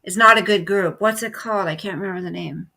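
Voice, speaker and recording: Woman, middle-aged, bright voice, emphatic, indignant, casual talk-show chat. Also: mid-range voice, fast, gravelly, low-quality recording. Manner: emphatic, indignant, repeats phrases. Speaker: co-host. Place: at home, live stream.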